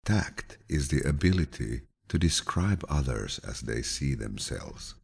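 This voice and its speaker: Quotations are read aloud by a male narrator whose voice is low, rough and husky. He tells them in a slow, steady, comforting way, much like a grandfather sharing stories.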